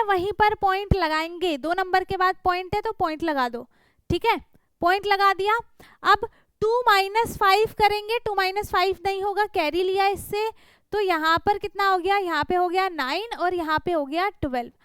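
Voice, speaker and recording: A woman's voice: very high voice, a bit bright, dry recording. A young woman, teaching a worksheet to small children and patiently checking that they follow along. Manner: patient, checks in with "theek hai" and "hai na". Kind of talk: explaining a worksheet to young pupils.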